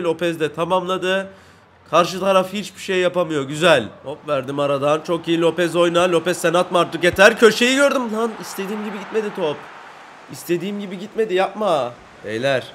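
A young man with a high-pitched voice talks his way through a football video game as he plays it. He boasts about his own moves, complains when teammates don't pass to him, and breaks into shouts and sing-song chants at goals. Faint background noise sits under the recording. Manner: brags and grumbles at teammates. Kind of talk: live gameplay commentary.

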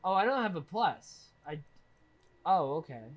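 A woman's voice: lowish voice, lively intonation, unhurried. A woman streaming a video game, giving casual, profane commentary and reacting aloud as she plays.

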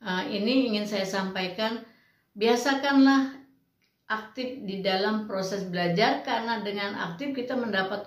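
A woman lecturer giving students patient, explanatory advice, with frequent fillers. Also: fairly high pitch. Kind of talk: educational talk to students. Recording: roomy, distant mic.

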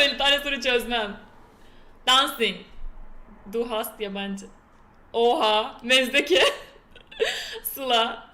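A woman's voice: high voice, bright, forceful tone, roomy sound. A young woman chatting casually with her live-stream chat and reading quiz questions aloud in a playful way. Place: indoor room with a door that keeps slamming.

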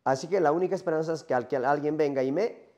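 Lonely rambling Minotaur, played by a man, male monster longing for death, slightly high voice, rhetorical questions. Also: quick pace, warm tone, natural voice. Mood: morbid. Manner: rambling first-person monologue, rhetorical questions.

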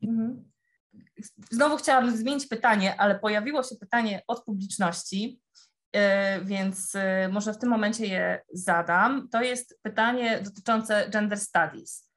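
A woman's voice: medium pitch, unhurried, fairly bright tone. A woman moderating a panel discussion, politely passing audience questions to the speakers.

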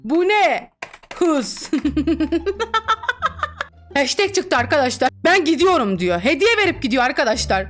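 A young woman with a very high, lively voice chats over her gameplay, laughing often and teasing the players she meets. She talks slowly and loosely, reading messages aloud with playful put-on tones, while soft music plays underneath. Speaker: gaming streamer. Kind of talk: casual Roblox gameplay commentary. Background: background music.

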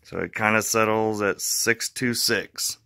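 A man's voice: lowish voice, a little slow, creaky, dry recording. A man hosting his fishing channel, talking casually through a how-to with fillers and restarts, from a carpeted room indoors. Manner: relaxed, rambling, with fillers and restarts.

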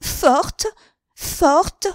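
A woman voicing a haughty, jealous wealthy lady who speaks in shrill, indignant outbursts. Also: drawn-out words, no room sound, clean studio sound. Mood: indignant, scornful.

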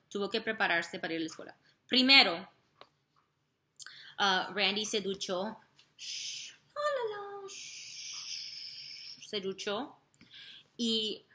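Woman, Spanish teacher, slow repetitive storytelling, bright voice, bilingual explanations. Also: mid-range voice. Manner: slow, repeats each phrase, switches between Spanish and English to explain; sings and makes sound effects while telling the story. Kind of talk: bilingual classroom storytelling lesson.

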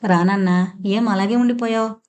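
A woman reading the part of a calm, affectionate elderly father in an audiobook story. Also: medium pitch, fairly quick, lightly acted. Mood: gentle. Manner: calm, gentle.

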